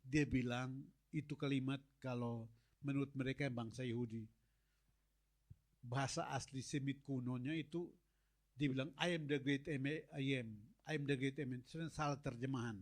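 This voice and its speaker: A man's voice: mid-range voice, normal speed, pauses often. A middle-aged man preaching a sermon as a pastor, telling stories and acting out dialogue with God and Moses. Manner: animated storytelling, acts out God and Moses in dialogue.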